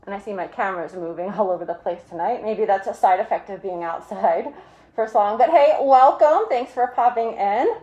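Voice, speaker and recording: A woman's voice: medium pitch, moderate pace, dark tone, muffled recording. A woman hosting a casual live video chat through a mask and face shield, rambling along with jokey asides. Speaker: livestream host.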